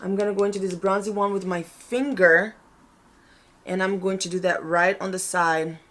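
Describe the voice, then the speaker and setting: A woman with a medium-pitched voice presents a makeup tutorial in a casual vlog style. She is chatty and informal, often thinking out loud as she explains each step. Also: fairly even intonation, moderate pace. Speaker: makeup vlogger.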